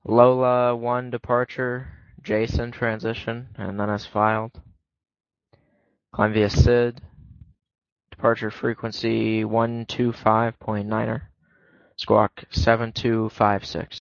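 Flat-toned male air traffic controller, dull audio. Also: medium pitch, slow, gravelly, no echo. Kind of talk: clipped radio phraseology, issuing clearances.

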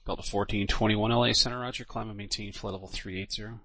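A man's voice: lowish voice, fairly even intonation, fast, fairly bright tone. A man working as an air traffic controller, giving clipped, official radio instructions.

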